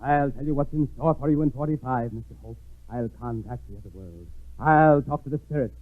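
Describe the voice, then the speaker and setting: A man's voice: mid-range voice, brisk, natural voice. A man playing a bumbling swami fortune teller with mock-mystical, incantatory delivery in a 1940s radio comedy. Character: bumbling male mystic swami with a crystal ball. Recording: tinny 1940s radio broadcast.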